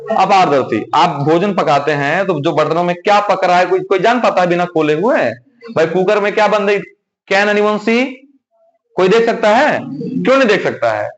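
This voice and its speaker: A man's voice: sits high, lively intonation, moderate pace. A man teaching a science class in a classroom, asking students questions and repeating the key words back to them. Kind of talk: classroom lesson. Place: classroom with whiteboard. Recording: dull lo-fi sound.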